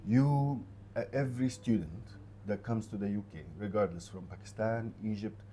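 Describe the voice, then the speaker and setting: During an interview, an Arabic-speaking man representing a university offers students casual advice, hesitating often and echoing short phrases to stress them. His voice is fairly low and mellow, with a little hiss or hum in the recording.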